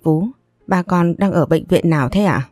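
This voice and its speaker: A woman's voice: lowish voice, normal speed, darkish tone, no echo, faint music behind, close to an everyday voice. A woman voicing a young, spoiled but loving rich daughter who talks in an emotional, pleading way.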